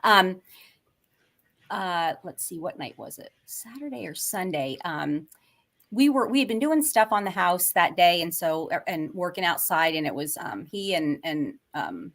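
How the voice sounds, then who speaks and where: A woman's voice: on the low side, lively intonation, measured pace, a bit bright. A woman co-host telling a story in a rambling, casual way, full of fillers and little laughs. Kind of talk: casual chat.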